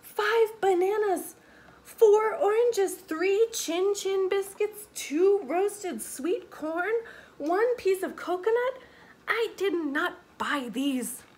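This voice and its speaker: A woman voicing a flustered busy mother in a picture-book story, exclaiming loudly and high. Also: sing-song, takes it slowly, hardly any pauses.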